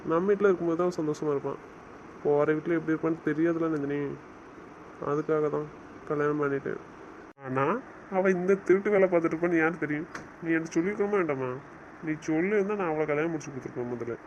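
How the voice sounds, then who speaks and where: A man's voice: fairly high pitch, fast, pauses often, natural voice. A man playing a stern but loving young husband who lectures and then coaxes, in an audio drama recorded on a dull lo-fi track. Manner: scolding, lecturing, then coaxing. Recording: dull lo-fi recording with faint noise.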